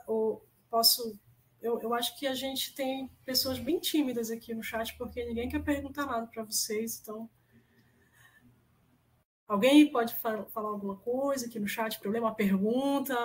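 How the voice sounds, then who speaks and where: A woman moderating an online seminar, talking quickly with some hesitation and inviting the audience to speak. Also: a little high, rough recording. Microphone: video call.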